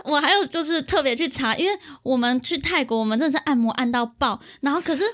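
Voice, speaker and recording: A woman with a Taiwanese Mandarin accent co-hosting a podcast, telling travel stories in a casual, animated way and laughing often. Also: high-pitched, fast. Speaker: podcast co-host. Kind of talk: casual chat.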